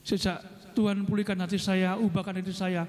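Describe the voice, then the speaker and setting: High-voiced man giving a church testimony. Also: flat delivery, fairly quick, darkish tone. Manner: earnest, repeatedly addresses the congregation. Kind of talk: emotional personal testimony in church. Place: church service hall. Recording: reverberant church hall with instrumental music behind.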